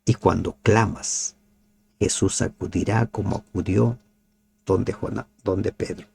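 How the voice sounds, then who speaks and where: A man giving a devotional Bible commentary, asking his listeners rhetorical questions and dropping to soft, nearly whispered pleas. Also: low voice, fairly even intonation, takes it slowly, creaky. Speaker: Bible teacher.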